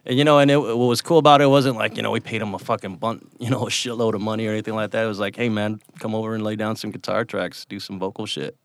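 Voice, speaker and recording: A man's voice: lowish voice, quick pace, hardly any pauses, dry recording. Profane storytelling band guy. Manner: profane, animated storyteller who acts out quotes. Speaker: band member guest. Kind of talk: casual storytelling chat.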